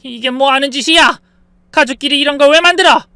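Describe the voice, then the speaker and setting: A man voicing a proud seventy-year-old mother-in-law who dotes at first, then shouts in anger. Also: high voice, fast, clear, resonant tone, dry recording. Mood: outraged.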